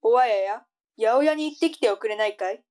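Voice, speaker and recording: A woman's voice: fairly high pitch, quick pace, a little mellow, natural voice. A woman playing a strict, bossy mother in a tongue-twister audio drama. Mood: brisk.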